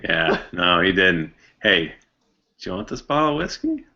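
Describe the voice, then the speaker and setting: Man playing a bright-voiced, sly small-town schemer. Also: low voice, big pitch swings, normal speed, muffled recording, heavily acted. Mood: needling. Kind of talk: improvised role-play at a live tabletop game.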